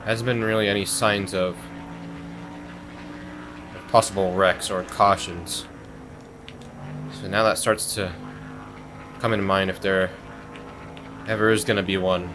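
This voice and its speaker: A young man hosting a gaming channel, giving casual, chatty gameplay commentary that rambles with fillers and turns excitable. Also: low-pitched, a little slow, pauses often, noisy background. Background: game music.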